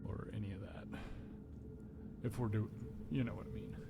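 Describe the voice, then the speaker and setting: A man's voice: fairly low pitch, fairly even intonation, moderate pace, vocal fry, heavy background noise. A man chatting casually as a player in a tabletop game. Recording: loud music behind the voice.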